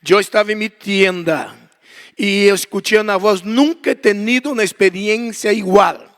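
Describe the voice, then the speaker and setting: A man from Brazil with a Brazilian Portuguese accent, a guest preacher telling a dramatic story in a sermon, acting out the dialogue and swinging from quiet prayer to loud emphasis. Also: high-pitched, moderate pace. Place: church hall. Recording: long reverb of a church hall.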